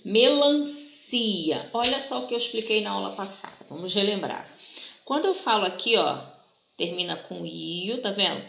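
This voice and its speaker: A woman's voice: mid-range voice, lively intonation, moderate pace, gravelly, pushed and bright. A woman teacher, patiently walking students through a grammar lesson and often checking they follow. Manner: patient, explanatory, keeps checking in with "tá?". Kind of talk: recorded grammar lesson walkthrough. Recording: echoey room, dull lo-fi sound.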